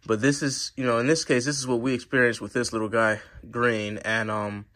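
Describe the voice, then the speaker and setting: A dog vlogger talks casually to his camera at home, giving advice on training puppies while rambling and circling back with fillers and restarts. His mid-range voice is fairly quick and bright with little pitch movement, and slightly stuffy from a cold.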